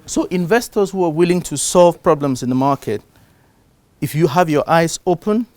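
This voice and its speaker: Middle-aged man giving an animated conference talk. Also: a little high, normal speed, dry recording. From Cameroon. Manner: animated, shifts loudness for emphasis. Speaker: conference speaker. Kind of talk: live talk on investing. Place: conference stage before an audience.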